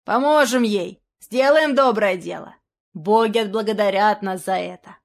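A woman voicing a tipsy young male reveler who talks loudly and boisterously. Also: mid-range voice, moderate pace, lightly acted. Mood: rallying.

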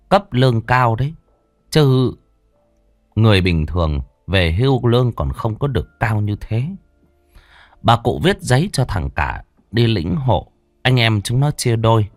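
A man's voice: on the low side, dry recording. A man narrating a ghost story in a dramatic, mournful storyteller's manner.

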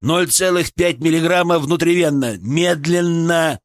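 A man voicing a young male surgeon who shouts urgent orders in an emergency. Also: fairly high pitch, measured pace, dry recording, clean studio sound, voice pushed up, close to an everyday voice. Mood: urgent commanding.

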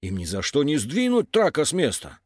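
A man narrating a children's story in an animated storytelling manner. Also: a little high, brisk, no room sound, clean studio sound.

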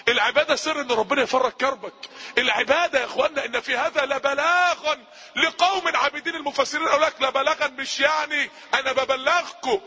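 A man with an Egyptian accent preaching a sermon, impassioned, repeating phrases for emphasis and sometimes rising to shouts. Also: very high voice, dull audio. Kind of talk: recorded sermon.

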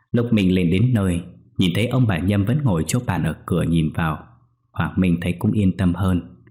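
A man narrating a ghost story in a steady, somber storyteller style. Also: low voice. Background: faint music.

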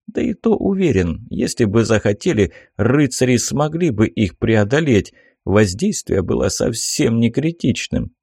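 A man reading a first-person fantasy novel aloud as an expressive audiobook narrator. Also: medium pitch, slightly rough, dry recording, studio quality.

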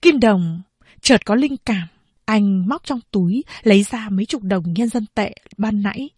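A woman narrating a story in a steady, even storytelling voice. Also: mid-range voice, a little slow, breathy edge, no room sound, studio quality.

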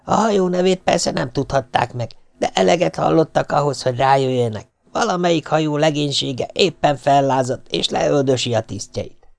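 A man voicing a boastful, scheming Swedish sailor who talks down to others and lies smoothly. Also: fairly high pitch, dry recording, pitched above the performer's own voice. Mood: lecturing. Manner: condescending, smoothly lying.

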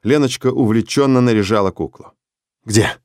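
Brief: male audiobook narrator, mid-pitched, steady and measured, dry close sound. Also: no echo.

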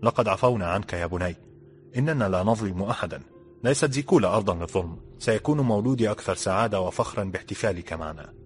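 Storybook role: male narrator doing an authoritative ruler, low voice, formal delivery. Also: expressive, quick pace, faint music behind, close to an everyday voice. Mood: magnanimous. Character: stern powerful male ruler, commanding.

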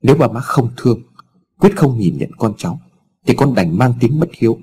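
A man's voice: medium pitch, lively intonation, moderate pace, mellow, breathy edge. A man voicing a headstrong young son in a told story, speaking in a blunt, defiant way.

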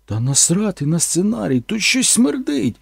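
A man voicing a shrill, furious glamorous actress who shrieks and scolds in an audiobook. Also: very animated, moderate pace, creaky, husky, no echo, studio quality, heavily acted. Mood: indignant. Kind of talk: audiobook character voice.

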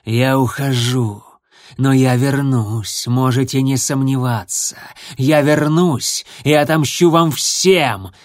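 A man voicing a huge, cold and menacing warrior tomcat in an audiobook, speaking slowly with a hissing contempt. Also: mid-range voice, no room sound, clean studio sound, natural voice.

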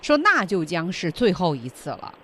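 A woman's voice: fairly low pitch, sing-song, normal speed, pushed and bright, slightly rough. A woman co-hosting a radio English lesson, chatting casually, restating points plainly and asking questions. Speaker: co-host.

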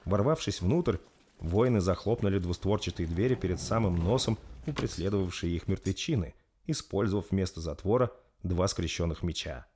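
A man reading a dark fantasy story aloud in a steady, dramatic narration. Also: low-pitched, normal speed, a little hiss or hum. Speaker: audiobook narrator.

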